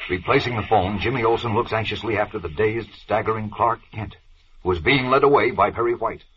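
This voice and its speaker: A man's voice: on the low side, a little fast, background noise, natural voice. An American man narrating a 1940s radio serial as a melodramatic, suspense-building old-time announcer. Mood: suspenseful. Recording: dull vintage 1940s radio recording.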